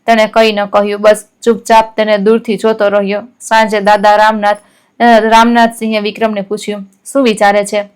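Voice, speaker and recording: A woman narrating a scripted story in a steady, measured reading. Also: medium pitch, smooth.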